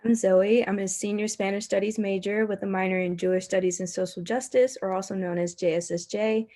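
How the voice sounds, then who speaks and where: A woman in her twenties from Baltimore, United States, speaks with an American accent in a mid-range, warm, steady voice at a fairly quick pace. She's a university student reading a scripted presentation.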